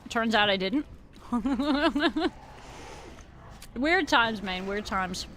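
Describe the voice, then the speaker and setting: A woman's voice: mid-range voice, animated, a little slow, sharp tone, faint music behind. A woman game streamer chatting casually with her viewers in a rambling, slangy, informal stream of talk. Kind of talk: casual live-stream chat with viewers while gaming.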